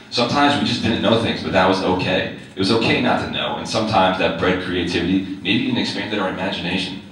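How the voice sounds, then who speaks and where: Here a teacher with a low, slightly bright voice moves at a fairly quick clip through his own essay before a live audience. He keeps it wry and conversational, addressing listeners with questions, in a very echoey hall picked up by a distant mic with faint noise.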